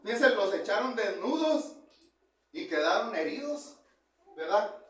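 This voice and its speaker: Male preacher, high voice, chatty sermon style, recorded from a distance. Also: animated, unhurried, a bit bright. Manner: conversational, keeps asking "¿verdad?" and addressing "hermanos". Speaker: preacher teaching a Bible lesson. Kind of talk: informal sermon. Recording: very echoey hall, mic far off.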